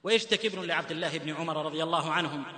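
A man's voice: on the high side, very fast, sharp tone. A man from the Hijaz in Saudi Arabia preaching a sermon-style lecture, telling stories fervently and slipping into a chanted lilt. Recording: echoey hall reverb.

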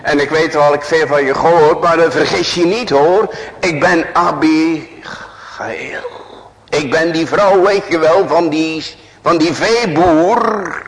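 A man's voice: on the high side, slow pace, in a large hall, pitched above the performer's own voice, poor audio. A man voicing a proud, self-assured wife of a rich herdsman who talks boastfully and with emphasis.

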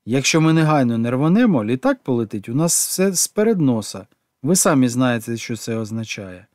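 A man's voice: medium pitch, sing-song, moderate pace, a little mellow, no echo, clean studio sound, lightly acted. A man putting on a curt, sarcastic woman manager. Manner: cutting, sarcastic. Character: sharp, curt female manager, impatient.

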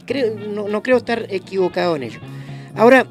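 A Chilean man in his fifties joins a radio discussion as a guest, speaking earnestly but with many hesitations. His voice sits high and moves briskly, with soft music in the background.

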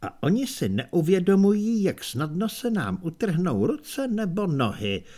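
A man voicing a nervous, cowardly wizard who speaks in a measured, anxious way. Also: high-pitched, big pitch swings, dark tone. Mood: fretting.

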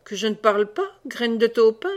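Audiobook: a woman playing a gruff old monk, wounded but boastful. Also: on the high side, expressive, normal speed, close to an everyday voice.

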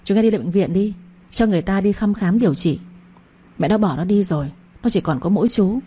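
A woman's voice: mid-range voice, brisk, dark tone, slightly rough, natural voice. A woman voicing a blunt, bossy older neighbor in an audio story, speaking in a brusque, scolding way. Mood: urging.

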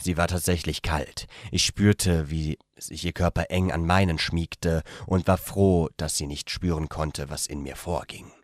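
A man reading a story aloud in a plain, unpolished way, breaking off for quick asides. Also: low-pitched, fairly even intonation, no room sound, studio quality.

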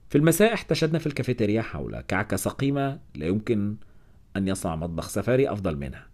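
A man narrating a first-person novel in an expressive storytelling manner, with wry asides. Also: on the low side. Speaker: audiobook narrator.

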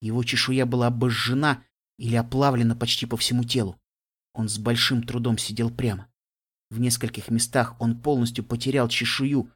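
A man's voice: mid-range voice, level tone, moderate pace, fairly bright tone, slightly rough. Man narrating with emotional swings. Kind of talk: first-person fan audiobook narration.

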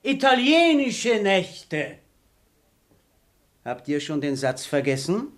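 A fiery young male radical in a period film, impatient and defiant. His voice is high and lively, rising as he agitates. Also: takes it slowly, exaggerated voice.

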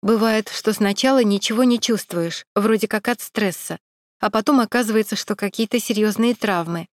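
A woman's voice: mid-range voice, normal speed, no room sound, clean studio sound, natural voice. A woman voicing an insistent female coworker who speaks with authority. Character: bossy young female coworker.

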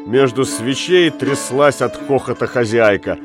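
A man reading a story aloud as narrator, with lively, expressive delivery. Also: mid-range voice, a little slow. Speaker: audiobook reader. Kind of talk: scripted narration. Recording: dry studio reading with faint music.

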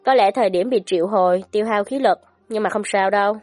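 A woman voicing a calm, weary young noblewoman who speaks in a low, quiet, teasing way, in a storybook reading. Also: fast, dry recording, faint music behind, close to an everyday voice.

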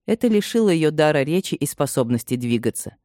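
A woman reading a novel aloud as an audiobook narrator, in an expressive, dramatic manner. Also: low voice, a little fast, dry recording, studio quality. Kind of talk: scripted literary narration.

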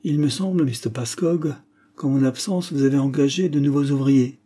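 A man reading the part of a calm, confident detective in an audiobook, explaining steadily. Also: mid-range voice, moderate pace, pitched above the performer's own voice, close to an everyday voice. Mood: assured. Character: calm, confident male detective, sharp-minded.

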